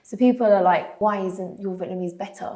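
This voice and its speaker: A podcast host from the United Kingdom, this British woman speaks British English with a brisk, mid-range voice. She keeps the conversation animated, laughs readily and performs the voices of the people she quotes.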